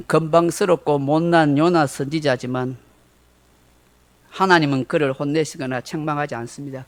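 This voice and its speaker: A middle-aged male pastor preaching a Sunday sermon, telling the story dramatically and acting out quotes. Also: a little high.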